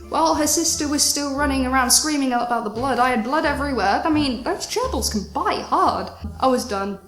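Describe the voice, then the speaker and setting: A woman's voice: high voice, a bit bright. A young woman animatedly retelling a chaotic party story with dramatic exasperation. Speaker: vlogger. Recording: echoey room with faint music.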